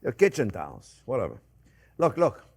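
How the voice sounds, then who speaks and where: On his cooking show, an older man talks to the audience like friends, casual and animated, repeating brief phrases as he shows each step. His mid-range voice swoops wildly in pitch at a moderate pace, with vocal fry and a slightly rough edge.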